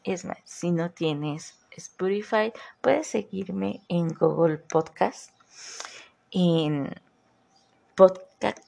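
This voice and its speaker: A woman's voice: fairly low pitch, slow pace, vocal fry, hardly any pauses, a little mellow. A woman hosting her own podcast, signing off casually and losing her train of thought now and then. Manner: chatty, loses her train of thought and self-corrects. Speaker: podcast host.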